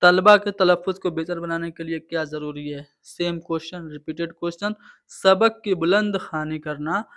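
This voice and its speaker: A man's voice: fairly high pitch, fairly even intonation, moderate pace, a bit bright. A man teaching an exam-prep lesson, explaining each answer step by step and often checking in with the class. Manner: explains answers step by step, repeating "theek hai". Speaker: Urdu exam tutor. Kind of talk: online exam-prep lecture.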